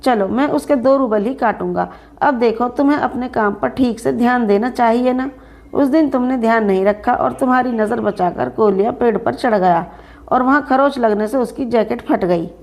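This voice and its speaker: A woman narrating a story in first person, expressive and shifting into a stern employer's voice. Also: fairly high pitch.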